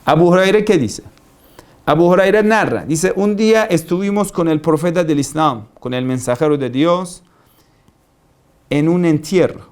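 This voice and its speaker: Guy preaching, kinda high voice, repeats himself a lot, keeps asking questions. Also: moderate pace, a little mellow, clean tone. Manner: emphatic, rhetorical questions, repeats key phrases. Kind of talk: religious lecture.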